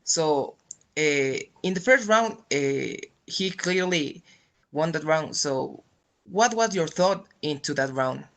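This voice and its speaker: A man's voice: on the high side, animated, slow, a bit bright. A man working as a sports reporter, putting interview questions at a press conference. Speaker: sports journalist asking questions.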